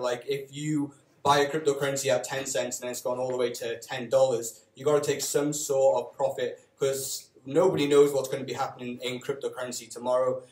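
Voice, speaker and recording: A man speaking as a panelist, giving even, practical advice. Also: medium pitch. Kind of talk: live panel talk. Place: coworking space event room. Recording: echoey room.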